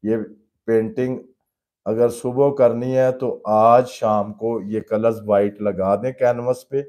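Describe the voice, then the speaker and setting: Mellow-voiced painting teacher. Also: male voice, medium pitch, little pitch movement, slow. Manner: patient, explains step by step in plain everyday terms; addresses students fatherly as "beta". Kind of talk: live painting demonstration lesson.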